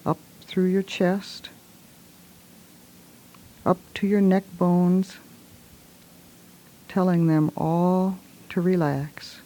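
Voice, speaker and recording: A woman leads a guided relaxation in a soft, hushed voice, giving gentle, soothing instructions in short phrases. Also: lowish voice, flat delivery, very slow, long pauses, low-quality recording.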